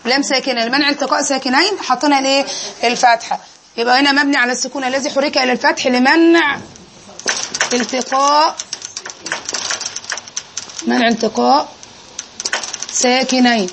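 A woman's voice: high-pitched, steady tone, brisk, pauses often, background noise. A woman with an Egyptian accent teaching an Arabic grammar lesson in a classroom, quizzing her students and drilling them on each answer.

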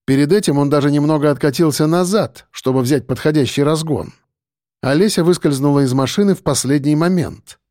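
A man's voice: on the high side, fairly quick, dark tone, no room sound, studio quality. A man narrating an audiobook in a dramatic storytelling manner.

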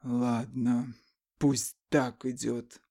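Woman reader as a cold forest-spirit lord, curt and low, flat delivery. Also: extremely slow, full character voice.

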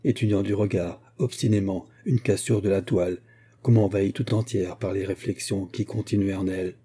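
A man reading a classic novel aloud as an audiobook narrator, in a steady, measured way. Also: low voice, a little hiss or hum. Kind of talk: scripted narration.

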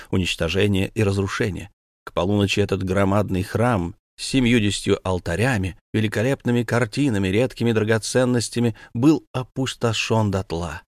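A man narrating a classic novel in a steady, measured audiobook reading. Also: fairly low pitch, no room sound, studio quality.

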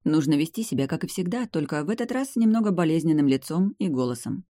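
A woman's voice: sits low, animated, fast talker, dark tone, dry recording. A woman voicing a young vampire heroine who talks curtly and sarcastically, with cold irritation, in a dry-sounding reading.

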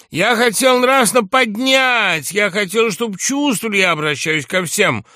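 A man's voice: extremely high pitch, no echo, clean studio sound, pitched above the performer's own voice, full character voice. A man putting on a drunken pompous old general. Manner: pleading, overwrought, shouting. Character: drunken pompous older male general, self-pitying.

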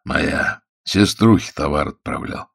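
Мужчина изображает хриплого похмельного вора. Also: male voice, very deep voice, unhurried, creaky, breathy edge, no echo, clean studio sound, full character voice. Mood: wary. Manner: weak, pleading, slurred thief's slang. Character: hungover male thief, gravelly and pleading.

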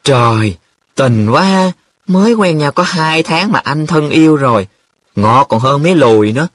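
A man's voice: mid-range voice, sing-song, fairly bright tone, breathy edge, no echo. A man doing a cheeky boastful young man. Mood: gushing. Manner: wheedling, dramatic, quick teasing banter.

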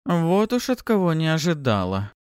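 A man voicing a haughty, hot-tempered female succubus servant with a scornful, shrill manner in an audiobook. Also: wildly swooping pitch, normal speed, smooth, dry recording, clean studio sound. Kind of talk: audiobook character voice.

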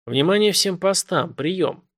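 A man voicing a harried police officer working the phones, brisk and firm, trying to reassure callers. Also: high voice, voice pushed up. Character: harried male police dispatcher, calm but pressed.

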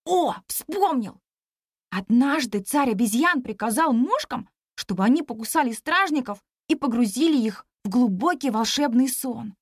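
A woman voicing an excitable, boastful monkey boy in a storybook reading, often whispering eagerly. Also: on the high side, normal speed, slightly rough, no room sound, clean studio sound.

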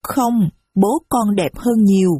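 A woman voicing a small, innocent little girl who speaks slowly and sweetly in a storybook reading. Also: medium pitch, dark tone, slightly rough, no room sound, studio quality, voice pushed up. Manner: slow, sweet childlike phrasing.

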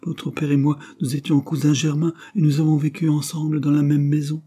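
A man's voice: level tone, a little fast, warm tone, slightly rough. A man reading an audiobook, voicing a frantic, ruined middle-aged woman who pleads insistently for help. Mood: desperate pleading. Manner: shrill, hand-wringing, insistent.

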